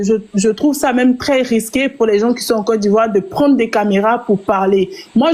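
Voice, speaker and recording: A woman speaks as a guest in a political discussion. Her fairly high voice is insistent, and she hammers points home by repeating them. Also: mellow. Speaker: guest commentator.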